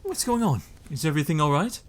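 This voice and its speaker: A man's voice: fairly high pitch, very animated, fast. An actor playing an earnest, devoted Victorian husband and father in an audio drama. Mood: fatherly.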